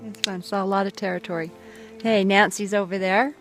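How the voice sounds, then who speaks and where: Woman, hike vlogger, chatty, upbeat, outdoors on a trail, handheld camera, soft music underneath. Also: mid-range voice, steady tone, a little fast. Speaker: hike leader filming a trail vlog. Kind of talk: casual outdoor vlog narration.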